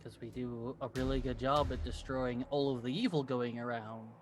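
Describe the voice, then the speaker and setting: A man's voice: mid-range voice, fairly even intonation, moderate pace, slight background noise. A man playing a tabletop roleplaying game, chatting casually and thinking aloud in a hesitant way.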